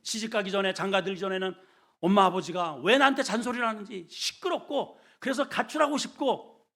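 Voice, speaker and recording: High, bright-voiced male preacher. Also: brisk. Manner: swings between hushed and loud, emphatic delivery; folksy, colloquial storytelling with humor. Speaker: senior pastor. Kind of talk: sermon.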